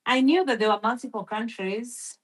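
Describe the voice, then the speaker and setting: A woman from the Philippines hosts a live stream, her voice on the high side and her pace moderate. She chats casually and rambles, filling gaps with lots of fillers. She thinks aloud and reads off a search.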